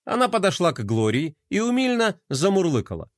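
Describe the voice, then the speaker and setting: A man reading a children's story aloud in an expressive storytelling manner. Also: high voice, a little fast, no echo, studio quality. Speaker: narrator. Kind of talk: scripted narration of a children's story.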